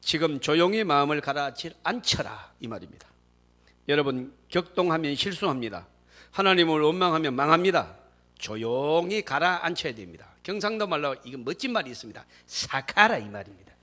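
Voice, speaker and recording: A man preaching a sermon as pastor, moving between quiet asides and loud, shouted exhortations. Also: on the high side, animated, brisk. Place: church sanctuary.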